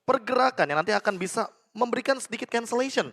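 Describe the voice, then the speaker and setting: A man's voice: very high voice, expressive, quick pace, gravelly, fairly bright tone. A man with an Indonesian accent giving analytical esports caster commentary, explaining play with English game terms mixed in.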